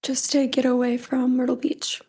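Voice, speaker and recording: A woman's voice: sits high, monotone, moderate pace, a little mellow, slightly rough. A young woman giving courtroom testimony as a witness, with brief, plain, reserved answers. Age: young adult.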